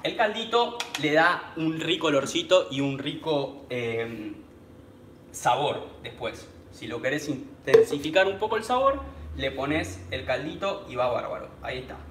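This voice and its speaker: Rioplatense man, slightly high voice, live cooking host who greets viewers, echoey kitchen. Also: lively intonation, unhurried, background noise. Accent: Rioplatense Spanish. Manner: chatty, greets viewers by name, speaks as he cooks. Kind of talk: live-streamed cooking demonstration. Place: small home kitchen.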